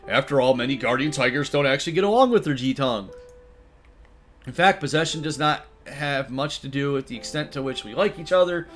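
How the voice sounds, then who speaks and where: A man reading the lines of a protective male guardian tiger spirit aloud in a soft, formal, old-fashioned way. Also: medium pitch, lively intonation, faint music behind, lightly acted. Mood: calm. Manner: formal, old-fashioned wording, read slowly and softly. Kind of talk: reading visual novel dialogue aloud.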